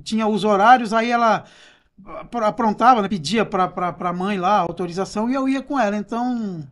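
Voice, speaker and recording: A man's voice: sits high, a little fast, fairly bright tone. A man from Brazil hosting a church podcast, chatting in a rambling way with many fillers and restarts. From Cubatão, Brazil. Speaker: podcast host. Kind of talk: casual church podcast chat.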